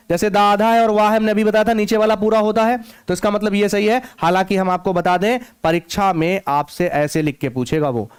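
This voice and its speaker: A male Hindi teacher leads an exam-prep spelling lesson, drilling his students with repeated check-in questions. His voice sits high and rings smooth and clear. The sound is close and dry, with no room around it. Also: no echo.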